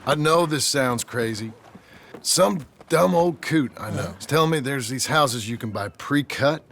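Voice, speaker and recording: An actor playing a terse, dry-humored frontier outlaw in a video game. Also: male voice, mid-range voice, a little slow, a bit bright. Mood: wary.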